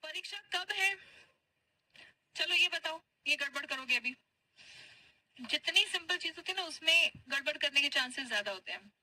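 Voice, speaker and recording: A woman teaching spoken English, patiently drilling short phrases and repeating them slowly. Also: high voice, expressive, bright, forceful tone, no echo, rough recording. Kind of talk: spoken English class for Hindi speakers.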